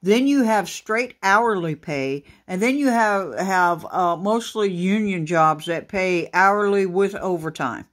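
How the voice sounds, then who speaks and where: Man, trucker, slow deliberate delivery, halting, lots of ums and restarts, casual vlog talk. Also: high voice, fairly bright tone. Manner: unhurried, halting, many fillers and restarts. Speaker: trucker vlogger. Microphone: phone camera pointed at a laptop screen.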